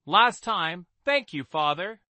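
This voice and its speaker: A man voicing a calm, self-assured young woman. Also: high-pitched, slow pace, no room sound, voice pushed up, full character voice. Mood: curious. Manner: raised, lighter voice.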